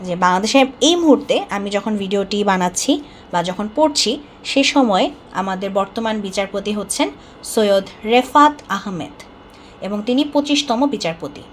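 A woman teaching an exam-prep lesson, repeating each answer slowly several times. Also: medium pitch, lively intonation, slight background noise. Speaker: exam tutor.

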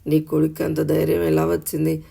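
A man voicing a stern, angry father in an audio story, read in a flat, gravelly storyteller voice. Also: on the high side, fairly quick, full character voice. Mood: scornful. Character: stern middle-aged father, angry and scornful.

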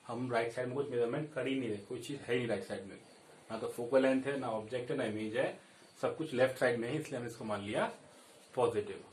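Fast and mid-range with a darkish tone, a young man explains a lesson step by step at a classroom chalkboard and keeps asking "okay, kids." He's recorded far away by a camera set back from the board, in an echoey room with slight background noise, his voice a bit off-mic.

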